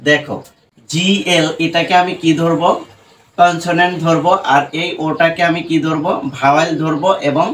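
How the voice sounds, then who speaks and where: A man teaching English pronunciation to students, explaining rules slowly and repeating sounds syllable by syllable. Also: a little high, steady tone, a bit bright, far from the mic, slight background noise, low-quality recording. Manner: slow and repetitive, breaking words into syllables.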